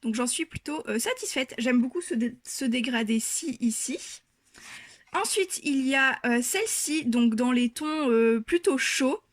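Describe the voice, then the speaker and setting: A woman's voice: sits high, animated, unhurried, no echo. A young woman chatting casually about her coloring, explaining step by step with many hesitations. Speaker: coloring vlogger.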